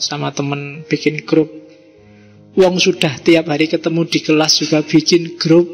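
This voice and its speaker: A man's voice: on the high side, creaky, a bit bright. A man with a Javanese accent giving a casual, teasing philosophy lecture to a live audience, full of rhetorical questions and local slang. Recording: hall reverb with faint music.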